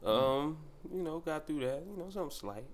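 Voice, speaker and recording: A man's voice: a little high, lively intonation, brisk. A man who produces a podcast, chatting casually with easygoing, rambling talk and frequent laughs. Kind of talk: casual group chat.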